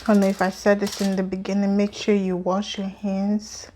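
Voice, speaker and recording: A woman's voice: mid-range voice, completely flat delivery, normal speed, warm tone, slight background noise. A woman casually talking viewers through her home baking, chatty and full of fillers. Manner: chatty, lots of fillers, addresses viewers as guys; talks with mouth full at times. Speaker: home cooking vlogger. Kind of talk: casual cooking vlog.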